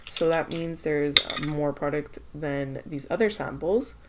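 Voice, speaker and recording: A young beauty vlogger, stuffed up from a cold, tries out skincare samples in a casual product-testing vlog. Her voice is deep and a little slow, with background noise, and she's chatty yet hesitant, filling her thinking aloud with lots of fillers.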